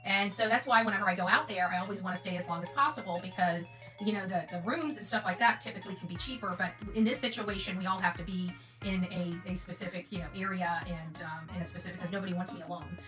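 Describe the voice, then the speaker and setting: Speaking fast in a lowish voice, an American channel host talks to her viewers in a loose, rambling way, hammering points by repeating herself. Music runs in the background, picked up on a distant microphone.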